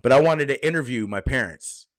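A man's voice: mid-range voice, lively intonation, brisk, no room sound, clean studio sound. Young man, slangy laid-back podcast banter. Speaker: podcast co-host. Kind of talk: casual chat.

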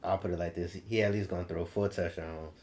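A man talking on a podcast, low-key in casual banter with his co-host. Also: steady tone, a little fast, a little mellow.

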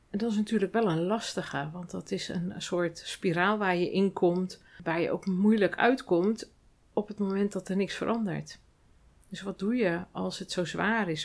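Woman doing a solo podcast, lowish voice, calm and explaining things thoughtfully. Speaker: podcast host and hospital clown. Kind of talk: reflective solo podcast monologue.

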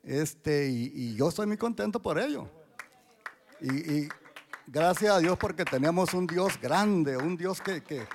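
An older man in his sixties speaks with a gravelly, creaky edge. His pitch sits somewhat high for a man, and he gives a church testimony haltingly, with frequent restarts and fillers. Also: lively intonation, a little mellow, a little hiss or hum. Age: 60s. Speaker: church member giving testimony.

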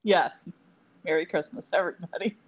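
A woman co-hosting a casual podcast, chatty and quick to laugh, with self-deprecating asides. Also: on the low side, breathy edge. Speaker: podcast co-host.

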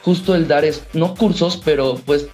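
A man's voice: a little high, steady tone, normal speed, darkish tone, soft background music. A man, a podcast guest speaking hesitantly with many fillers in a casual panel discussion.

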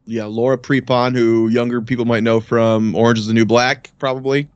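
A man co-hosting a casual chat, leading the talk with quick questions. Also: mid-range voice, little pitch movement, dry recording, muffled recording. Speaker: podcast co-host.

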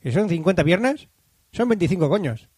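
A man co-hosting a podcast, laughing and joking as he reads mail. His voice sits high and swings widely, and the close mic keeps it dry. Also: husky, dry recording. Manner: joking, laughs often, fast excitable delivery. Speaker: podcast co-host reading listener mail. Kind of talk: casual comedic podcast banter.

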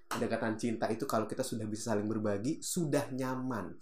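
A man's voice: lowish voice, steady tone, quick pace, darkish tone, roomy sound, slight background noise. A man speaking as a public speaking coach, explaining casually and demonstrating to viewers he calls guys. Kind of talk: casual teaching monologue.

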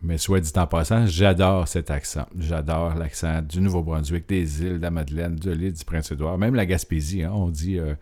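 Male host, Quebec French accent, deep voice, casual and rambling, lots of hesitations. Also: steady tone, normal speed, hardly any pauses, dark tone. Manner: rambling, hesitant with many filler sounds. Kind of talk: casual radio-style presentation.

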